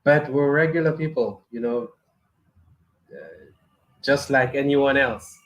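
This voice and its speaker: Speaking slowly in a mid-range voice, a middle-aged Cameroonian man hosts his weekly live space engineering broadcast on a low-quality recording. His casual talk to viewers is hesitant, often restarted, padded with fillers and dotted with chuckles.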